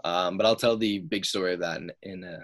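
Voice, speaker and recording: Low-voiced young man telling stories. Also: fairly quick. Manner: animated, acts out quoted people in raised voices. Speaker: pro wrestler guest. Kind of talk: casual storytelling.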